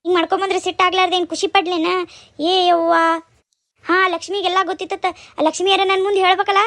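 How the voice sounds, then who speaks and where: A woman voicing a furious, scolding middle-aged aunt in a cartoon, speaking with a North Karnataka Kannada accent in a shrill, threatening way. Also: level tone, fast, a bit bright, dry recording. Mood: angry scolding. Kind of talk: cartoon dubbing.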